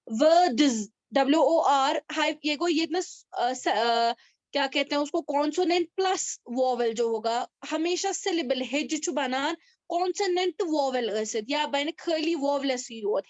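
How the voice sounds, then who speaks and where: High-voiced woman teaching online. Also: no echo. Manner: explains slowly, mixing English terms into Hindi and switching to Kashmiri. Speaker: school English teacher. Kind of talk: online class lesson. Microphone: video call. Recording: dull, dry video-call audio.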